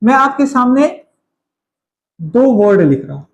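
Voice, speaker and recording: A man's voice: very high voice, sing-song, a little slow, muffled recording. A man teaching a grammar lesson, calling his students kids, repeating each point and quizzing them. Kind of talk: classroom lecture. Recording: echoey room.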